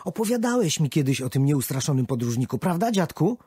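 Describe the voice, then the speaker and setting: A man's voice: a little high, very animated, a little fast, dark tone, husky, no echo, studio quality, pitched above the performer's own voice. A man voicing a curious, eager young boy in a storybook. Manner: eager, questioning.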